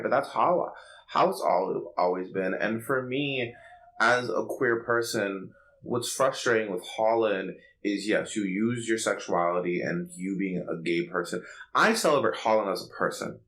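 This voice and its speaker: Poor audio captures a podcast co-host, a man with a fairly bright, lowish voice. He chats casually about pop culture, giving sassy, blunt opinions in slang.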